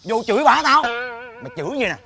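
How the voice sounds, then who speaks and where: A man playing a cheeky boy who mocks and eggs on his friend, talking in an animated, lively way. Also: very high-pitched, fast, creaky, heavily acted. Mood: egging on. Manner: animated and mocking. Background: music.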